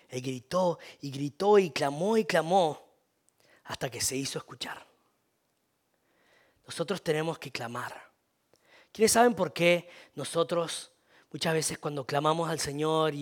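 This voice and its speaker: A man preaching a sermon, repeating himself, restarting often and calling for amens. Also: a little high. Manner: repetitive, many restarts, calls for amen.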